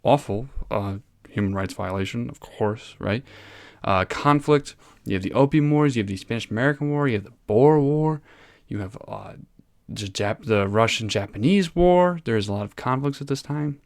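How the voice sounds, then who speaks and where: A man's voice: mid-range voice, lively intonation, normal speed, vocal fry, dry recording, studio quality. A male history teacher giving a casual, rambling exam review from his room at home, easily sidetracked and poking fun at himself. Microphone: desk microphone.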